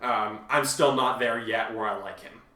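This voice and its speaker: In a roomy, echoey home recording with a distant mic, a co-host who writes fan fiction talks casually about listener reviews. He defends himself in an emphatic, rambling way, using a fairly low, bright, forceful voice at normal speed.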